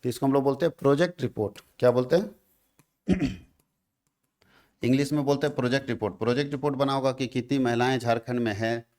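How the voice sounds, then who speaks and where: A man's voice: mid-range voice, fast, pauses often, a little mellow. A male teacher giving an exam revision lecture. He goes over each point twice and keeps checking that students follow.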